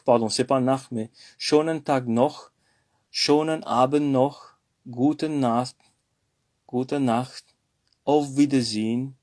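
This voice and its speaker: A man giving a casual spoken language lesson, hesitant, with many fillers and self-corrections, repeating words slowly for practice. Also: mid-range voice, darkish tone. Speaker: language teacher.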